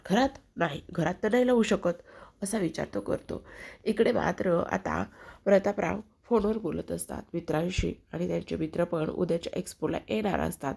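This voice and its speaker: A woman's voice: on the low side, gravelly, a little mellow, husky. A woman narrating a TV serial recap in a casual storytelling way, voicing every character herself. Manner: retells scenes in a running present tense, voicing every character herself.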